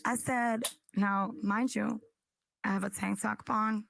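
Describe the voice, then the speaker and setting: Lively, profane woman telling a story. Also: medium pitch, slow, creaky, a little hiss or hum. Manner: profane, lively storyteller, acts out quoted voices. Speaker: podcast co-host. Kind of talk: animated storytelling on a podcast.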